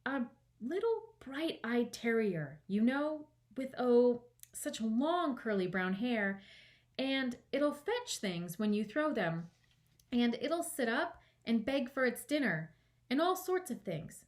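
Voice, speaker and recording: A woman's voice: a little high, animated, a little slow, pitched above the performer's own voice. A woman voicing an eager, polite young girl who chatters earnestly and apologises readily, in a children's storybook reading.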